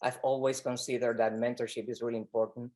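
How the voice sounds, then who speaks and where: A man's voice: mid-range voice, level tone, darkish tone. Guy, medium voice, earnest, lots of uh and restarts, interview guest. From Puerto Rico. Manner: earnest, halting, many fillers and repeated words. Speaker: pediatric oncologist guest. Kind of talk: conversational interview.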